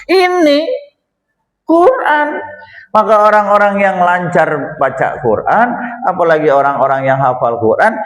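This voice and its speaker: A man's voice: high-pitched, rough recording. A man teaching a Quran study group, chatty and joking, often asking his listeners questions. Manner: chatty, asks the audience questions, jokes often. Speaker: religious teacher. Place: small prayer hall, live gathering.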